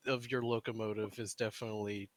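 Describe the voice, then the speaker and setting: A man's voice: fairly low pitch, little pitch movement, fast talker, no echo. A man competing on an online game show, hesitant and trailing off as he answers. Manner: hesitant, trails off, nervous laughter. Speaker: contestant. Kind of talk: casual banter on a voice call.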